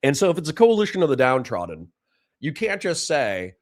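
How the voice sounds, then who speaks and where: Speaking a little high with huge swings in pitch, this man offers a livestream chat political commentary that's blunt and profane. His voice is dry, and he keeps restarting fast.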